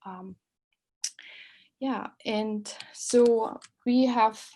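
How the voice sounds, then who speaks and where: A woman's voice: fairly high pitch, fairly even intonation, extremely slow, dark tone, a little hiss or hum. German-accented woman giving an academic webinar. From East Germany. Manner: many um and uh fillers, friendly and earnest. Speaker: associate professor presenting a webinar.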